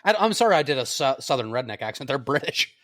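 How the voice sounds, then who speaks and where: A man's voice: fast, dry recording, clean studio sound. A man co-hosting a casual podcast chat, joking and laughing often. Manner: laughs often, jokey, lively swings in pitch. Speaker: podcast co-host. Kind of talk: casual chat about a bad movie.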